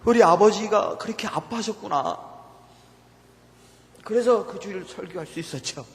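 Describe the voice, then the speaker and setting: A man's voice: high voice, normal speed. A middle-aged male pastor preaching a sermon in a church, telling a personal story with impassioned feeling. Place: church sanctuary. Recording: long church reverb.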